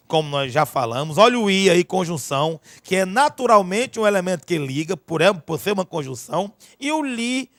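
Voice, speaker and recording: A male grammar teacher giving a recorded lesson, his voice high and swinging widely in pitch. He keeps checking in with his listeners as he explains. The sound is dry and close, with no room around it. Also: no room sound. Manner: lively, checks in constantly with listeners.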